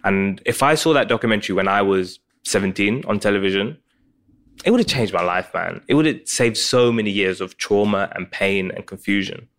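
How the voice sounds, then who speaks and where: A man's voice: fairly low pitch, brisk, a bit bright. A man, a comedian guest telling stories animatedly and joking in a casual interview. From Pakistan, raised in England.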